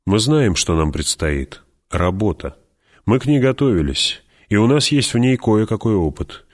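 A man's voice: fairly low pitch, very animated, normal speed, voice pushed up. A man reading an audiobook, voicing a decisive noble duke who speaks firmly and with dry irony. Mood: commanding.

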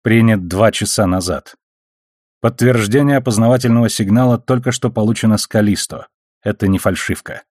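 A curt female communications officer, as a male narrator reads her in an audiobook. She reports in a terse, matter-of-fact way. The voice is low and husky, and the recording is dry. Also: brisk, darkish tone, dry recording, natural voice. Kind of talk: audiobook character reading.

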